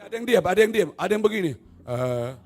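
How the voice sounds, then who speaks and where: A male pastor preaching a sermon in a church service, swinging from soft, low asides to loud shouted appeals, with teasing jokes along the way. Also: animated, fast, soft background music. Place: church hall. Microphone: no mic at times.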